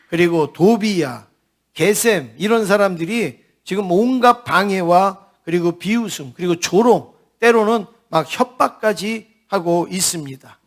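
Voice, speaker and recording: A man preaching a sermon as a pastor, asking the congregation questions as he goes. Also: high-pitched. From South Korea.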